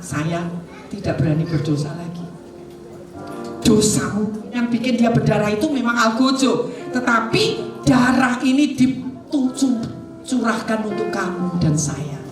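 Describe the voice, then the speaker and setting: Woman, Sunday school teacher, animated storytelling, lively pitch, echoey hall, distant mic, music behind. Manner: lively, asks the children questions, acts out voices. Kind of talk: animated Bible storytelling to children. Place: large echoing church hall.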